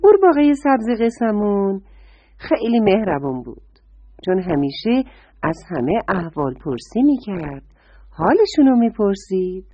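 A woman tells a children's bedtime story, tender and warmly addressing young listeners. Her voice is breathy and very lively in pitch. The recording is dry, dull and lo-fi. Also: no room sound.

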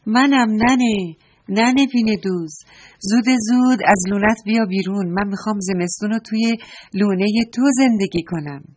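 Pushy yelling grasshopper guy, lady storyteller doing him, kinda husky. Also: mid-range voice, natural voice. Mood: demanding. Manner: loud, demanding. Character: bossy male grasshopper, loud and pushy.

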